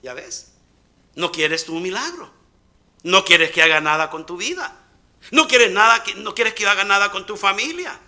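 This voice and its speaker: A man's voice: sits high, lively intonation, moderate pace, bright, forceful tone, full character voice. A man playing a stern, exasperated God. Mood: reproachful. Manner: scolding, insistent.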